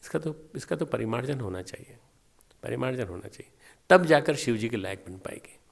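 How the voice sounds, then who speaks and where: A man's voice: mid-range voice, expressive, brisk, gravelly. Man teaching a devotional class. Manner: storytelling, repeats phrases for emphasis. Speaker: spiritual teacher. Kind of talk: devotional meditation class lecture.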